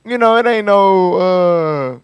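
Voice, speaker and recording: A man with a high, clear voice hosts a talk show. He comments on clips in animated, slangy speech and laughs often. His mic is close and dry. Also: takes it slowly, dry recording. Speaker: host.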